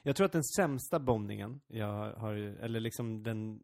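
A man's voice: fairly low pitch, creaky, a little mellow. En man, komiker, som pratar avslappnat i ett samtal, inflikar korta kommentarer och skrattar gärna. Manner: reacts with short interjections, breaks into laughter. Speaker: stand-up comedian, podcast co-host. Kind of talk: casual chat.

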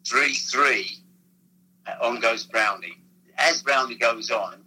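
A man reminiscing about old football seasons in a casual, halting chat, often restarting his sentences. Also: on the low side, pushed and bright, poor audio. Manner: rambling, halting storyteller with restarts. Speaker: former football club figure, guest.

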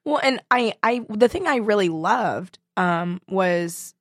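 Woman co-host, playful casual chat, mid pitch, dry mic. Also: animated, slow pace, no room sound. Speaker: podcast co-host.

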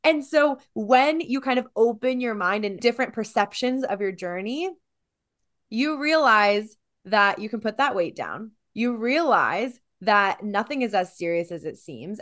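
A woman's voice: mid-range voice, lively intonation, a little slow, a bit bright, no room sound, studio quality. A woman co-hosting a podcast in casual chat, earnest, building vivid metaphors and using "like" as a filler. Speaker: podcast co-host.

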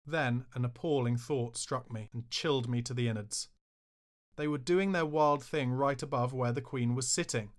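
Here the author of a memoir narrates his own audiobook at a moderate pace in a medium-pitched voice, sounding wry and self-deprecating. Each time he quotes himself, he erupts into a raised outburst.

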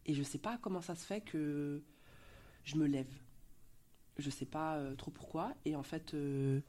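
Guest: young Belgian woman, soft and halting, warm dark tone. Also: low voice, fairly even intonation. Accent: Belgian French. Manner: hesitant, many fillers, soft-spoken. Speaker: actress guest. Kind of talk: casual interview chat.

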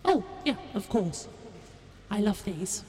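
A woman's voice: medium pitch, sing-song, slow, darkish tone. A woman playing the ghost of an old-fashioned suffragette in a comedy radio sketch, using a haunting, solemn ghost voice. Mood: polite, chatty. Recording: long ghostly reverb, echoing, some noise.

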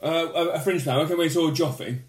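A man co-hosting a podcast in casual chat, laughing often and breaking into loud comic impressions. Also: on the high side, very fast, echoey room. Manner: laughing, launches into loud put-on voices. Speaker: podcast co-host. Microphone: podcast microphone.

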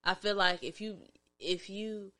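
A woman's voice: mid-range voice, fairly even intonation, a little slow, pushed and bright. A woman in her thirties co-hosting a podcast, talking earnestly in casual banter with frequent restarts. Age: 30s. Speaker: podcast co-host.

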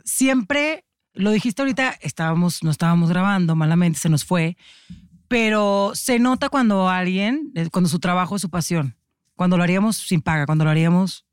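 A woman's voice: on the low side, a little fast, clean tone, no room sound, studio quality. A young adult woman with a northern Mexican accent, an actress chatting animatedly as a guest in an interview. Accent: northern Mexican (Monterrey). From Monterrey, Mexico. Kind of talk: casual interview chat.

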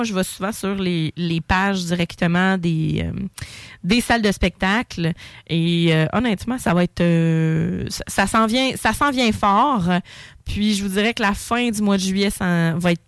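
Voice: mid-range voice, a bit bright, clear, resonant tone, no room sound, studio quality. A radio co-host with a Québécois French accent, talking in casual chat with many hesitations.

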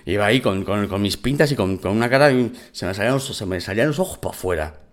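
A man with a Spain Spanish accent telling a personal story in casual, animated, profane talk. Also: fairly low pitch, quick pace.

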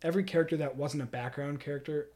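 Rambling higher-voiced podcast co-host. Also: male voice, fairly even intonation, quick pace, darkish tone. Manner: rambling, lots of "like", quotes himself in little voices. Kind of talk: casual chat.

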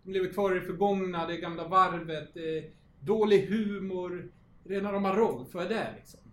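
A man co-hosting an informal interview, chatting casually and putting questions to a guest. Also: sits high. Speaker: interview co-host. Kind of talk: casual chat. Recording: roomy echo with faint background noise.

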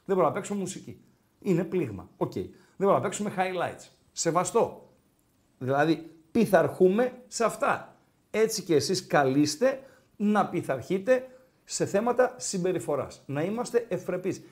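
A man co-hosts a live sports talk stream in casual banter. His voice sits high and swings widely, and he acts out the dialogue as he tells a story. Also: big pitch swings. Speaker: co-host of a sports talk show.

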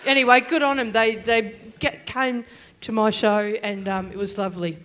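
An Australian woman comedian telling a story on a live panel, halting and self-deprecating. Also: fairly high pitch, fairly even intonation, a bit bright. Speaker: comedian guest.

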